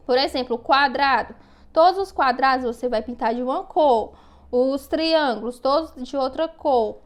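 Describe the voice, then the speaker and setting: A woman teacher patiently explaining worksheet exercises to young children, often checking in as she goes. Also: high voice. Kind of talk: online lesson walking through worksheet exercises.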